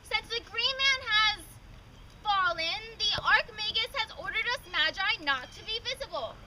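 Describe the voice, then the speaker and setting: A composed lady mage acted by a woman declaims in measured, formal renaissance faire speech. The voice is very high and solemn. It comes from a distance through loud outdoor noise. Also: animated. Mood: firm, solemn. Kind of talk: live renaissance faire stage acting, formal old-fashioned fantasy speech.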